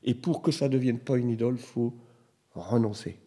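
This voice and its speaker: A man's voice: mid-range voice, moderate pace, warm tone, slightly rough. A middle-aged man preaching a sermon in a conversational way, telling personal stories and rising to emphatic bursts. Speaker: pastor.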